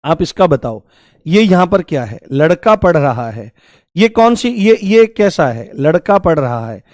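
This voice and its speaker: Male teacher, fairly high voice, dry close sound, repeats examples and quizzes students. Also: big pitch swings, unhurried, darkish tone, no room sound. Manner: repeats examples, coaxing students with rhetorical questions. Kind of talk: online grammar lesson.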